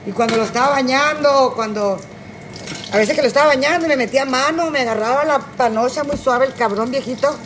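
A middle-aged woman with a Mexican Spanish accent who is tipsy and high, rambling and cracking crude jokes on a cooking livestream from her home kitchen. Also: a little fast, slight background noise. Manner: crude, joking, rambling storyteller. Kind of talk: casual livestream chat while cooking.

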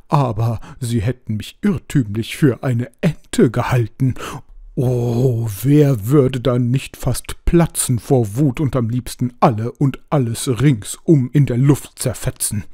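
A man voicing an indignant, bossy owl with a hoarse voice in a storybook reading. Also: a little high, big pitch swings, unhurried, dark tone, no echo, clean studio sound, pitched above the performer's own voice. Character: furious, soaked, selfish owl. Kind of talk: audiobook character voice.

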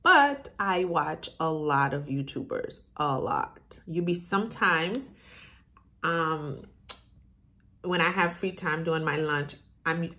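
A middle-aged YouTuber with a low-pitched, fairly bright voice chats casually and thinks aloud while answering viewer questions indoors in a room of a house. Born in Haiti, she moved to the US as a child and grew up in Florida, so her Haitian accent carries a Southern US tinge.

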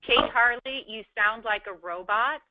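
A woman's voice: on the high side, unhurried, very noisy. A woman hosting a webinar Q&A, chatty and conversational, with frequent ums. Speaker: webinar moderator. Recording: dull, muffled web call audio.

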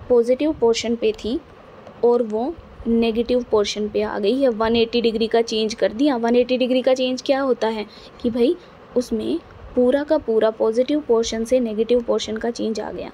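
With a fairly high, mellow voice and slight background noise, a woman lectures a class on physics. Patient and repetitive, she frequently pauses to confirm her students are following.

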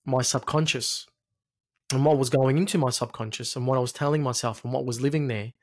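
A late-thirties man from Egypt and Australia, appearing as a podcast guest, reflects on his own experiences in conversation, halting and repeating phrases. His voice is mid-range and darkish, with fairly even intonation. He's recorded on a close podcast mic on an arm in a small indoor home studio.

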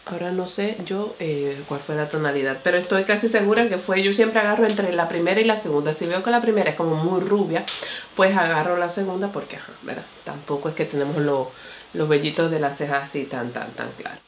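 A woman's voice: on the low side, brisk, slight background noise. Chatty woman beauty vlogger, echoey room. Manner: chatty, addresses viewers as señores and mi amor. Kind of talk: casual makeup review to camera.

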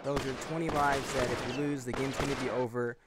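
Excitable young man over game gunfire. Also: mid-range voice, fairly quick, heavy background noise. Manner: rambling, self-deprecating, excitable. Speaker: gaming YouTuber. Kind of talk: casual gameplay commentary. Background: game gunshots and clicks.

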